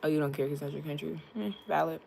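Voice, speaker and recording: Talking fast into a tablet mic, a young livestreamer from the United States chats openly with her audience, welcoming viewers by name and filling her speech with fillers. She has a low, a little mellow voice with a steady tone and vocal fry, over slight hiss or hum.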